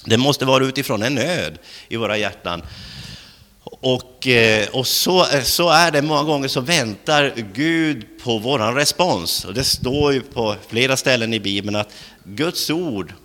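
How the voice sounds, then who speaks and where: A male pastor from Sweden delivers an earnest sermon in a bright, forceful voice. He repeats words and restarts phrases as he talks. His voice rings out with a long church reverb. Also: mid-range voice, expressive.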